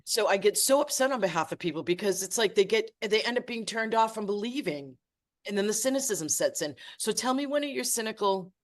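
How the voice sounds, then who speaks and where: A woman's voice: mid-range voice, expressive, fairly quick. A woman teaching energy medicine as a podcast guest, talking passionately and emphatically, stumbling over her words when she gets worked up. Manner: passionate, emphatic, exaggerating for effect. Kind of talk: podcast interview.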